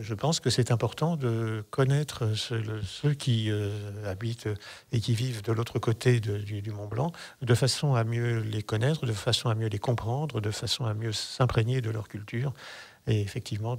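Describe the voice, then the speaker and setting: A man's voice: fairly low pitch, vocal fry, darkish tone, husky. A man in his sixties, president of a festival association, answering in a radio studio interview with many hesitations. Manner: measured, hesitant with many fillers. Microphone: studio mic on boom arm.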